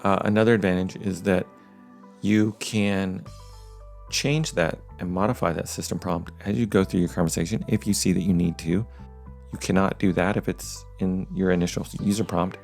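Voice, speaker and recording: A man presenting a screen-recorded software tutorial, explaining steps plainly with frequent filler words. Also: sits low, fairly even intonation, normal speed, gravelly, soft background music.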